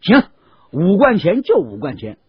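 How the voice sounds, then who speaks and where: A man's voice: sits high, huge pitch swings, measured pace, husky, no room sound, pitched above the performer's own voice, full character voice. A man voicing a group of sly, friendly male date traders who coax and wheedle, on a dull, dry lo-fi recording. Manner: coaxing, wheedling.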